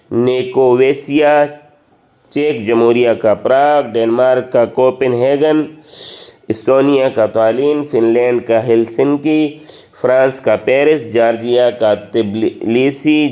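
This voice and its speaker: A man teaching general knowledge, reciting a list of countries and capitals at an even rote pace and slowing down on difficult foreign names. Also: medium pitch. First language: Urdu. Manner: steady rote recitation, stumbles and slows on hard foreign names.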